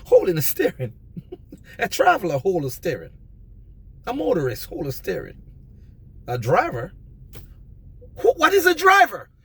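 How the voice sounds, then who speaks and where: Husky, animated man lecturing emphatically. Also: high-pitched, a little slow, pauses often. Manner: emphatic, preachy, rises to near shouting. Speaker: vlogger giving advice. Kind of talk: passionate monologue.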